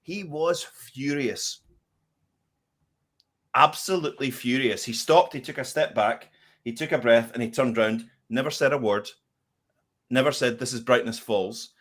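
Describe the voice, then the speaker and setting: A man co-hosting a casual chat about albums, telling lively anecdotes. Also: mid-range voice, normal speed. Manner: chatty storyteller, animated anecdotes. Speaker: podcast co-host.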